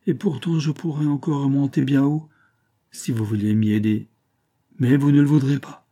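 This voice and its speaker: A man's voice: medium pitch, steady tone, normal speed, dark tone, voice pushed up, close to an everyday voice. A man voicing a sick, self-pitying middle-aged glassmaker who moans and pleads in a plaintive, feverish voice. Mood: pleading. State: feverish and in pain.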